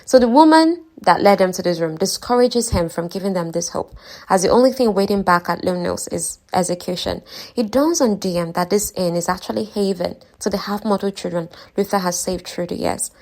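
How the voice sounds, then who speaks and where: A woman's voice: medium pitch, brisk, a little mellow. Chatty woman recapping a fantasy novel. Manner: chatty, conversational, talks to listeners. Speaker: book recap narrator. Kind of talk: casual story recap with asides.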